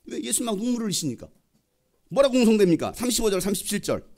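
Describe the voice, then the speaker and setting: A male pastor preaching a sermon, telling the story in an animated way and acting out the voices. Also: high voice, fast talker.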